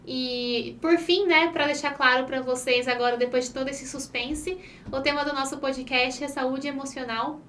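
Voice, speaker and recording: An upbeat young Brazilian woman hosts a relaxed podcast conversation, quick to chat and laugh. Her voice sits high and is picked up from a little way off the mic, with a light hiss underneath. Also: far from the mic. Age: 20s. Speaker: podcast host.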